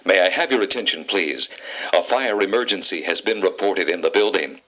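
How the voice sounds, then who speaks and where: A man giving a prerecorded emergency announcement, played through a fire alarm loudspeaker in calm, measured, formal instructions. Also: low voice, low-quality recording.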